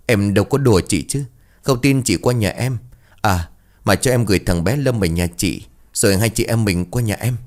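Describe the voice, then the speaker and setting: Man reading a village wife, nagging, frightened, low voice, ghost story reading. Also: moderate pace, darkish tone, close to an everyday voice. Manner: nagging, then pleading. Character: irritated, frightened middle-aged wife.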